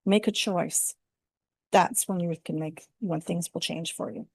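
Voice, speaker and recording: Older canadian-raised woman telling her life story, gravelly dark voice, dry close sound. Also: fairly low pitch, fairly even intonation, unhurried, no room sound. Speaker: guest, women's life coach. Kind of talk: personal storytelling in an interview.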